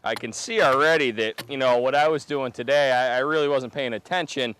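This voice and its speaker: A man's voice: medium pitch, brisk, a bit bright, slight background noise. A man hosting an ice fishing show, talking casually outdoors. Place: outdoors on a frozen pond.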